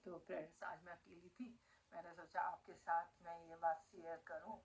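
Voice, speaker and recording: A woman's voice: fairly low pitch, little pitch movement, normal speed, slight background noise, rough recording. A middle-aged woman vlogging casually at home, emotional and doting as she talks about her pet dog. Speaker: family vlogger. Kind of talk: casual home vlog talking to viewers. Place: at home indoors.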